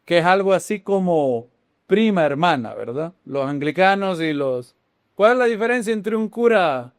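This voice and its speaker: Lively male preacher. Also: high voice, moderate pace, dry recording, studio quality. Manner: animated, with sudden swings between loud exclamations and hushed dramatic lines; asks the audience questions. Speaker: Bible teacher. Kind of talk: sermon-style teaching.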